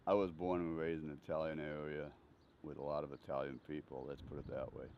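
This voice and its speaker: An older man speaks very fast in an extremely low, flat voice, yet keeps chuckling and laughing through rambling anecdotes about his life. He's interviewed on a bench outdoors, the handheld furry-windscreen mic held near his chest; the recording sounds slightly dull, with faint outdoor noise.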